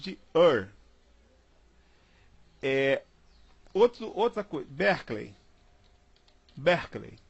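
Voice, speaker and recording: A man from Brazil gives a casual Bible study lesson at an unhurried pace, repeating himself and spelling words out letter by letter. His voice is fairly high and swings up and down a lot. The sound is dull and lo-fi, as if over an online call. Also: husky.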